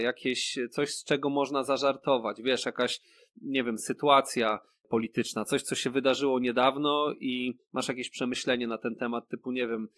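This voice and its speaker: Man, podcast guest, mid-pitched voice, chatty explainer, lots of fillers. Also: a bit bright. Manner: explanatory, many fillers and tag questions. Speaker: podcast guest, rapper and freestyler. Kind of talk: casual interview chat.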